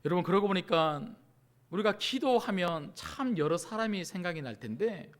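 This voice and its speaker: A middle-aged male pastor preaching with a high, bright, sharp-edged voice. His pitch jumps and dips with animated energy. He peppers his congregation with rhetorical questions and acts out desperate pleas before sinking to a near-whisper. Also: normal speed. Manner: swings from loud cries to hushed near-whispers. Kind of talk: sermon.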